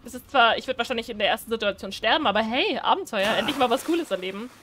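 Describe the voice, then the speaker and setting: A woman's voice: on the high side, animated, fast talker, noisy background. A woman giving casual let's-play commentary, chatty and jumpy, pleading and squealing when scared. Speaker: gaming streamer.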